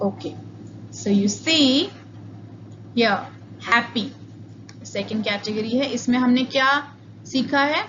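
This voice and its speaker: A woman's voice: a little high, dull audio, noisy background. A woman with an Indian accent teaching an online English grammar lecture, explaining step by step and switching between Hindi and English. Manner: slow, deliberate explaining, mixing Hindi and English.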